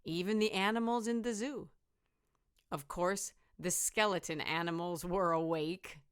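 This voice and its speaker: Female teacher as story narrator: slightly low voice, deliberate rhythm, expressive read-aloud for children. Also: clean tone.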